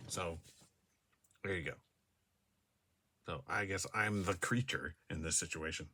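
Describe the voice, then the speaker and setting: Recorded on a device camera mic indoors, this low-voiced vlogger talks unhurriedly with a sharp tone, and there's a bit of hiss or hum. His chat is rambling and halting, thick with fillers and restarts, and he keeps laughing at himself.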